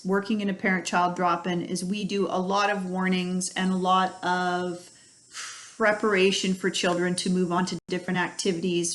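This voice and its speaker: A woman's voice: on the low side, a bit bright. Friendly middle-aged woman teaching parents. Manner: friendly, practical, explains with everyday examples. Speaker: early childhood educator. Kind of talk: instructional talk to parents.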